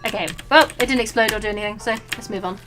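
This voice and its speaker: A woman's voice: mid-range voice, quick pace, over music. A woman hosting a gaming video, reading game text aloud with casual, playful and jokey commentary. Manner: playful, jokey, breaks into silly asides.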